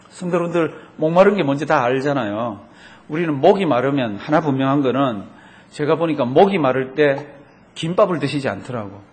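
With a fairly high pitch, a male pastor preaches a sermon to his congregation, asking rhetorical questions and drawing out the Bible verses he quotes.

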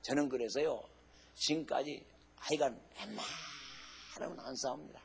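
A male pastor preaching a sermon emphatically, swinging between loud exhortation and low quiet asides and calling on the congregation to say amen. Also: unhurried, gravelly, husky. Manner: asks the congregation to say amen and repeat lines.

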